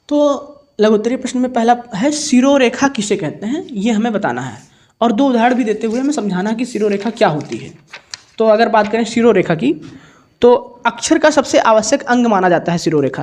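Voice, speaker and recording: Man calmly teaching exam answers. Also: sits high. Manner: explains step by step, repeats each definition. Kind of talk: exam paper solution lesson.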